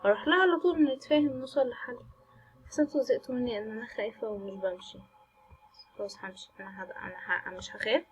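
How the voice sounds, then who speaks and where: A woman with an Egyptian Arabic accent narrates a horror game as she plays, reacting aloud to every scare. Her voice sits a touch high and has a husky edge. She slips English words into her chatty, jumpy commentary. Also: racing, low-quality recording. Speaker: gaming channel host.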